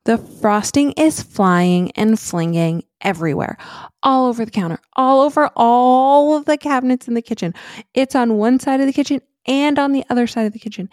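A woman in her thirties hosting a podcast, telling a personal story in an animated way and laughing as she goes. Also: on the high side, no echo, studio quality. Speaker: podcast host.

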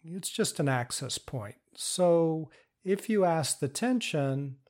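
A man giving a patient, step-by-step instructional talk, explaining calmly. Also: fairly high pitch, takes it slowly. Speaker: teacher of inner-parts work.

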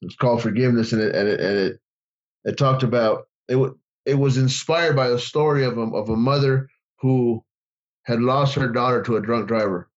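A man's voice: medium pitch, fairly even intonation, moderate pace. A man co-hosting a faith podcast, telling a story to a friend in loose casual talk. He restarts often and calls his friend bro. His audio is a little dull and lo-fi. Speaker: podcast co-host.

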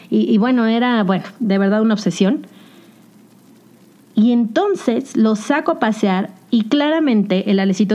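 A young woman with a Mexican accent hosting a podcast, telling a personal story in a casual, animated confessional monologue. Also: medium pitch, highs cut off. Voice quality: chatty, animated storytelling with English slang. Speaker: podcast host.

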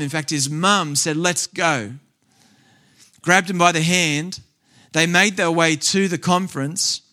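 A man preaching a sermon, telling a healing story with rising intensity, then dropping low and soft to counsel his listeners, with frequent fillers and restarts.

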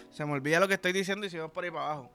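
A man's voice: high voice, huge pitch swings, racing, sharp tone, faint music behind. A young man with a Puerto Rican accent, hosting a podcast in a crude, rambling comedic monologue full of slang. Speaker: podcast host.

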